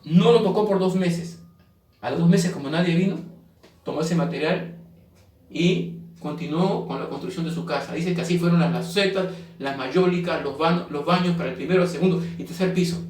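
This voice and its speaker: A man's voice: moderate pace, a little mellow. A man preaching a sermon as a pastor, telling a story and acting out its dialogue with his voice rising and falling. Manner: storytelling preacher, acts out dialogue with shifting pitch and volume. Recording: echoey room, voice from far off the mic.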